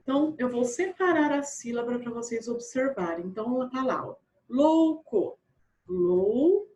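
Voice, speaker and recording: Woman, primary teacher, slightly high voice, patient, repeats words slowly, checks in with kids. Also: expressive, a little mellow, muffled recording. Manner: checks in with pupils often. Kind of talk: recorded online grammar lesson.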